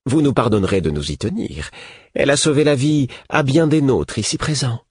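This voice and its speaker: A man's voice: medium pitch, expressive, fairly quick, slightly rough, dry recording, studio quality, pitched above the performer's own voice. A man voicing a guarded, wary woman envoy of a hunted clan in a storybook reading.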